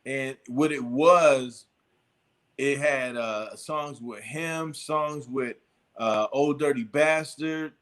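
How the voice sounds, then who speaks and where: A man's voice: mid-range voice, slow, a bit bright. A middle-aged man hosting a casual chat, telling a long story with lots of fillers and restarts. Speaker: podcast host.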